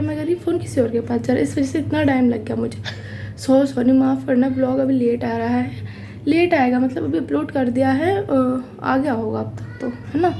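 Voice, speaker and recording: A woman's voice: high-pitched, creaky, mellow, slight background noise. A young woman chatting casually in a home vlog, rambling and apologetic, with a sore throat. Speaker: vlogger. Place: family home, indoors.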